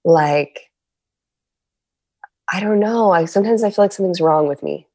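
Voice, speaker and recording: Here a middle-aged woman from San Diego, United States, appears as a podcast guest, her voice low and even. Candid and reflective, she keeps pausing and restarting to find her words in this conversational interview. The close, dry recording has no room sound and no echo.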